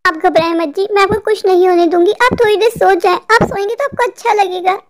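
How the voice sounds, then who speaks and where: Cartoon wife, dutiful and soothing, played by a woman, high bright register. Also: brisk. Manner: gentle, deferential, reassuring. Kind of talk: cartoon voice acting.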